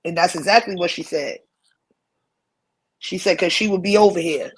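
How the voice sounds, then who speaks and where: A woman's voice: fairly low pitch, normal speed, breathy edge. A woman hosting a live stream, talking bluntly and emphatically in casual commentary. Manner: blunt, emphatic, laughs along.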